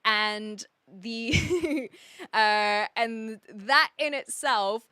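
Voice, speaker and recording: A woman's voice: a little high, extremely slow, bright, forceful tone, smooth, no echo. A woman with a mixed New Zealand and British accent, chatting casually and cheekily with viewers as a live streamer. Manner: chatty, cheeky, reacts to chat messages. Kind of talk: casual livestream chat with viewers.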